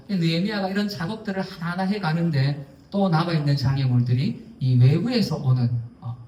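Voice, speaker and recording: A male pastor delivers an emphatic sermon with a fairly high voice. He slips into acting out quoted lines and leans on fillers as he goes. The sound comes from some distance off in an echoey church hall. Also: a little mellow. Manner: emphatic, acts out quoted speech, many fillers. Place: church sanctuary. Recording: echoey hall, voice heard from afar.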